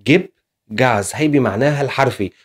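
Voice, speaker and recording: A man's voice: medium pitch, fast talker, slightly rough. A man teaching German in a casual video lesson, explaining step by step with frequent fillers.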